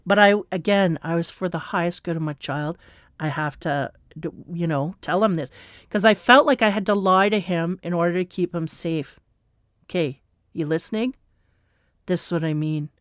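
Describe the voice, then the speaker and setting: A woman's voice: mid-range voice, clear, resonant tone, no room sound, studio quality. A woman in her forties, an energy reader, talking casually and rambling through a confessional story. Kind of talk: casual spiritual monologue.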